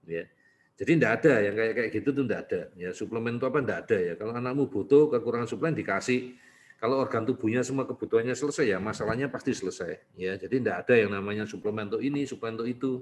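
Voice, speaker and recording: A man's voice: lowish voice, quick pace. A man, a doctor, answering parents' questions in an online consultation, chatty and teasing, often tagging his sentences with a questioning "ya". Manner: lively, talkative, frequently adding "ya" tags. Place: clinic.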